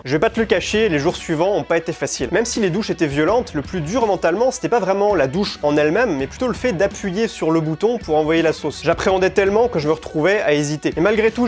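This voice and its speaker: A man narrating his own vlog from a script, in an informal, slangy, conversational way. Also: fairly high pitch. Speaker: video creator and narrator. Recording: music behind the voice.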